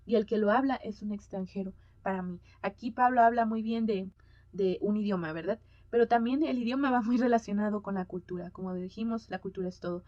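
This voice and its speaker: A woman conference speaker gives a talk on mission and culture, hesitating with many fillers as she reads Bible passages aloud. Her voice is on the high side and a little mellow, with no room sound, though the recording has a dull lo-fi quality.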